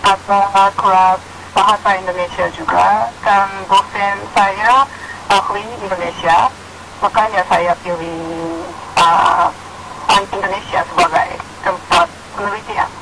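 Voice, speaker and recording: A Japanese woman speaking Indonesian as a foreigner, with a Japanese accent, halting between phrases as she answers interview questions. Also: medium pitch, fairly bright tone. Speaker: radio guest. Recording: clearly noisy line.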